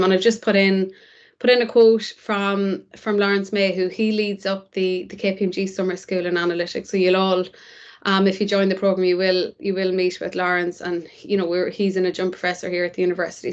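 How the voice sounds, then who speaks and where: An Irish woman presents a university programme in an informal way. Her voice sits fairly low, and the sound is a little dull and lo-fi, like an online call. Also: level tone, a little fast, clean tone.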